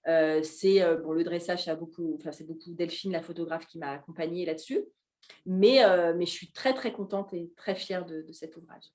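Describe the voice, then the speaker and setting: A woman's voice: on the low side, normal speed. Chatty Frenchwoman chef, many fillers. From Alsace, France. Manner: animated, hesitant with many fillers. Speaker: guest chef. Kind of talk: casual talk at a live café event.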